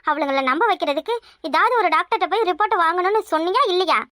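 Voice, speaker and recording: A fretful young daughter, voiced by a woman, in a village cartoon, whining and complaining in a Kanyakumari Tamil accent. Her voice sits very high and bright. It is recorded close and dry, with no room sound. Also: expressive, racing, no echo. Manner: whiny, fearful complaining. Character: anxious young pregnant daughter, timid and fretful.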